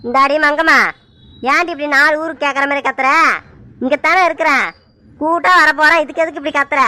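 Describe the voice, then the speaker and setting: A woman voicing a tired middle-aged village husband in a cartoon, calming his shouting wife with exasperation. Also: high voice, brisk. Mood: exasperated. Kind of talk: cartoon dub acting.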